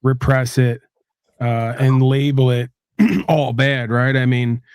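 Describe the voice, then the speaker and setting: A man's voice: mid-range voice, slow pace, darkish tone, clear, resonant tone, no room sound. A man musing philosophically in casual discussion, often checking in with his listeners. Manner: reflective, often checks with "right?".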